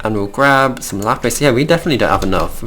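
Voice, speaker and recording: Playing and hosting a game video, this young Midlands English gaming channel host rambles chattily and gets easily distracted. His mid-range voice is expressive and a bit bright, he talks quickly, and there is slight background noise.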